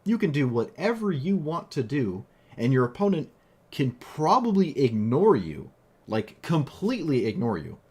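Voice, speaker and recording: Talking about his card game deck in loose gameplay commentary, a man with a fading voice from a long stream rambles, full of fillers and self-corrections. His medium-pitched voice is sing-song, husky, and a little mellow, moving at normal speed.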